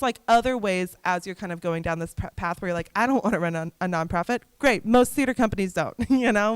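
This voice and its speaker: A young woman leading a theater festival workshop in a casual, chatty way, full of fillers and quick asides. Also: fairly low pitch, smooth, no room sound. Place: workshop room.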